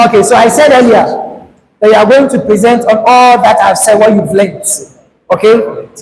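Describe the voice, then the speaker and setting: Speaking at normal speed into a handheld mic, a man with a very high, light voice coaches students during a public speaking workshop lecture. He is direct and pushes the group to hurry, while the room gives a long hall reverb and faint background noise.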